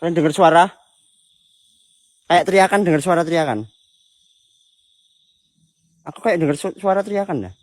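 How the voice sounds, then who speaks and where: A young man hosting a ghost-hunting vlog at an abandoned villa at night, talking in a hushed, low voice as he calls out to spirits. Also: moderate pace, long pauses, dry recording. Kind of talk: live ghost-hunt exploration vlog. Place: abandoned villa at night, outdoors among crickets.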